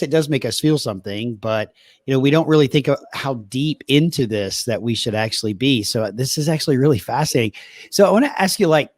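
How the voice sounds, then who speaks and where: A man's voice: medium pitch, dry recording, clean studio sound. A man with a Southern US accent hosting a podcast interview, asking curious, enthusiastic questions in a casual chat. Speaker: podcast host.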